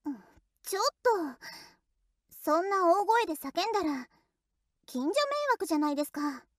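A woman's voice: extremely high pitch, animated, normal speed, no room sound, studio quality. A woman voicing a teasing, playfully cruel young female shrine maiden in an audio role-play drama, speaking politely in a sing-song tone.

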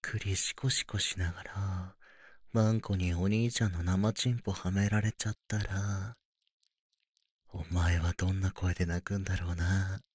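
A man voicing a doting, teasing older brother in a whispered role-play, speaking in a low, intimate murmur. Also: fairly even intonation, measured pace, no room sound. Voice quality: breathy. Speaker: voice actor.

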